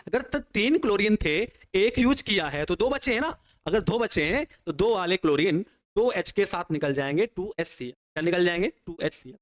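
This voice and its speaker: A man's voice: high voice, animated, moderate pace. A man teaching a chemistry class online, working through reactions step by step and answering his own questions for the students. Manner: explains step by step at a working pace. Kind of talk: online exam-prep lecture.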